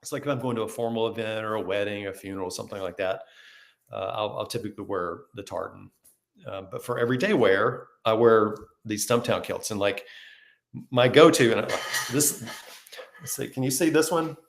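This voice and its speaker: A man co-hosting a podcast, telling stories in a casual, animated way and acting out the people he quotes. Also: fairly low pitch, brisk, gravelly. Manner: animated storyteller, acts out quoted dialogue. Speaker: podcast co-host. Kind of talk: casual conversation, storytelling.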